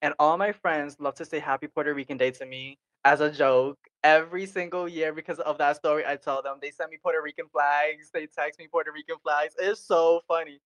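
A man's voice: fairly high pitch, steady tone, a little fast, few pauses, a bit bright. A young man, a podcast co-host, telling an embarrassing story in casual chat and laughing often. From Cambodian heritage, United States.

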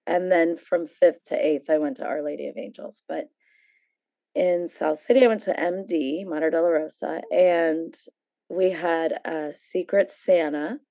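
A middle-aged American woman with a slightly low voice talks casually, like a guest sharing personal stories. The sound is dry and a little dull. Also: unhurried, no echo. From San Francisco Bay Area, USA. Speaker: interview guest.

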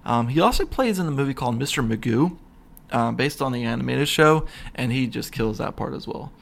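A man with a mid-range, creaky, expressive voice hosts a podcast, talking a little fast about comedy movies. He rambles with plenty of fillers and restarts, chuckling and laughing as he retells scenes.

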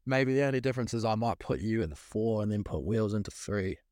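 Man, broad Kiwi accent, fairly deep voice, dry sound, matey casual chat, slangy. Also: animated, fast, a little mellow, no room sound. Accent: New Zealand.

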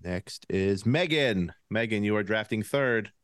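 A man's voice: fairly low pitch, expressive, measured pace, fairly bright tone, smooth, no echo, studio quality. A man with a lisp hosting a casual podcast game, laughing often as he runs the draft.

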